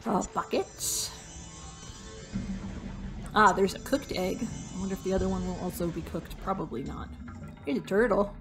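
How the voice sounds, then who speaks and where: A young adult woman casually commenting while she plays a hidden-object game, thinking aloud and joking at her own expense, her voice slightly hoarse and fading. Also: medium pitch, fairly quick. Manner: chatty, self-deprecating, thinks aloud while searching. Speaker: gaming video host. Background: faint game music.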